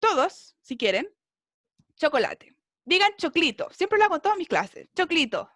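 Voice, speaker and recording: A woman's voice: very high-pitched, big pitch swings, normal speed, fairly bright tone, no room sound, clean studio sound. A woman teaching a beginner English class over a video call, encouraging and often checking in with her students.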